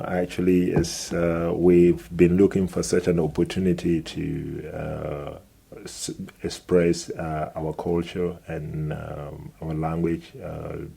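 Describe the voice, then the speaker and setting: A man's voice: deep voice, creaky, dark tone, husky. A middle-aged man from Cameroon, answering radio interview questions hesitantly with many filler sounds, in a studio. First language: Mogamo. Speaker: guest.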